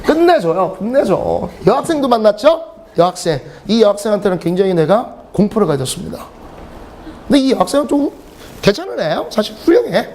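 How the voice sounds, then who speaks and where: A man's voice: sits high, a little fast, a little hiss or hum. A middle-aged man teaching English to a class, telling joking stories and laughing between sentences. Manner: animated, joking, often laughing mid-sentence. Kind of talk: lecture with humorous storytelling.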